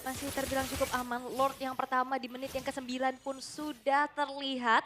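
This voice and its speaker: A woman giving analytical esports commentary with lively reactions. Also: high-pitched, brisk, noisy background.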